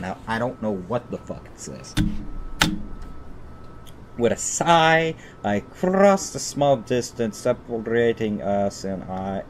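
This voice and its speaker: Streaming a visual novel, a man reads the text aloud, trips over words and breaks off for profane, exasperated comments. He's a gaming streamer, and there's a rumble of background noise.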